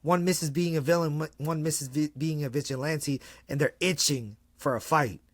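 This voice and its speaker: Excitable slangy man, dry sound. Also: fairly high pitch, moderate pace, no echo. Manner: excitable, slangy, restarts a lot. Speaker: podcast co-host. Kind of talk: casual fan chat.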